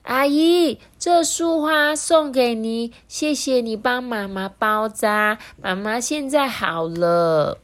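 A woman's voice: on the high side, slow, few pauses, pitched above the performer's own voice. A woman voicing a nervous little boy who stammers, in a children's storybook reading. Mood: earnest. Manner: stammering, breaks off mid-word.

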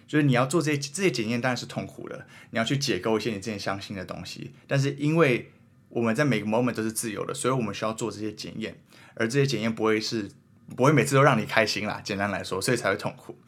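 A young man with a Taiwanese Mandarin accent talks quickly in a husky voice. He is a podcast host in easygoing chat, rambling and questioning himself as he works through his thoughts out loud. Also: on the low side. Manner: earnest, rambling, self-questioning. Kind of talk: casual chat.

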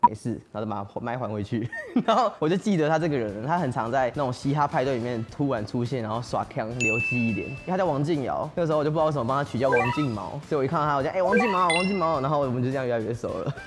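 Taiwanese Mandarin-accented male rapper guest, quick casual talk over music. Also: mid-range voice, lively intonation. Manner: fast, loose storytelling with laughs and swearing. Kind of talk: casual interview chat. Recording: music bed under voice.

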